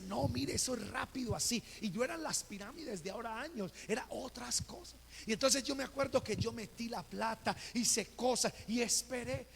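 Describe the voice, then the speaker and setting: A man's voice: high voice, vocal fry. A Colombian man preaching a sermon as pastor, telling a personal story and acting out the dialogue. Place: church. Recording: reverberant church hall with faint noise.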